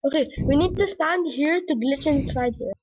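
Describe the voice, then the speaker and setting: High-pitched excitable gamer woman. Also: moderate pace, slight background noise. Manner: excitable, bossy about the game. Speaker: player in an online game. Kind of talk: casual gaming chat with friends. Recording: dull lo-fi mic.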